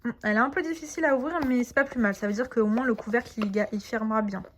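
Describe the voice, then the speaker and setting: A woman's voice: on the high side, rapid-fire, slight background noise. Chatty woman unboxing a card deck. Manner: chatty and enthusiastic, with frequent hesitations; reads English card names aloud with translations. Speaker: tarot and oracle deck reviewer. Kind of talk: casual unboxing narration.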